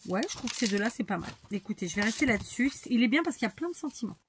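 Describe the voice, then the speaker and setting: A middle-aged woman with a slightly high, expressive voice talks rapid-fire, with a little hiss or hum in the audio. She chats casually while working through a scrapbooking tutorial, rambling and talking to herself. She sounds stuffy, like she needs to blow her nose.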